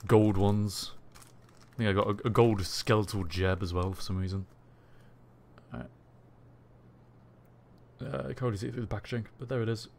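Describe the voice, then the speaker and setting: A British man hosts a casual game live stream, joking as he plays. His voice sits very low. Faint keyboard typing is heard behind him. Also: a little hiss or hum. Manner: jokey, quick to laugh. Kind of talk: casual live-stream chat while playing.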